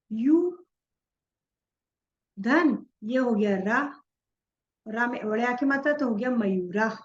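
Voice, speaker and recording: A high-voiced woman teacher talks slowly and patiently, spelling out each letter as she writes it. Her pitch rises and falls a lot as she asks questions and answers them. The recording sounds dull and lo-fi. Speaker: Sanskrit teacher. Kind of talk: explaining a textbook lesson.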